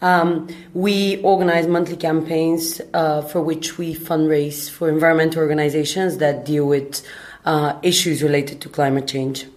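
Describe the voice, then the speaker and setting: A woman in her thirties from Bulgaria, giving a founder's answers in an interview. Her voice sits very low for a woman. She talks thoughtfully and fills her pauses with ums and uhs. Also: flat delivery, darkish tone. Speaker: startup founder, guest.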